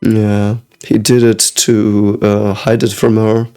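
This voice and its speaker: A man's voice: lowish voice, flat delivery, slow, warm tone, smooth, faint music behind. A man talking casually as he reacts to an anime, rambling with lots of hesitations and occasional swearing. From Germany. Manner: rambling, hesitant, with many fillers and frequent swearing.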